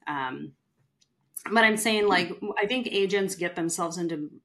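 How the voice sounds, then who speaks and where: Woman, middle-aged, low-pitched, gravelly, chatty, animated storyteller, real estate agent, casual podcast chat. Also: unhurried. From California. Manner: chatty, animated storyteller who acts out quotes.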